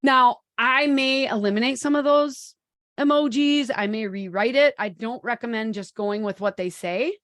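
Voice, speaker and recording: A woman's voice: fairly high pitch, normal speed, a bit bright, no room sound, clean studio sound. Upbeat chatty woman in her forties. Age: 40s. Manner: upbeat, chatty, many fillers. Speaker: webinar presenter. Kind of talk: live webinar presentation.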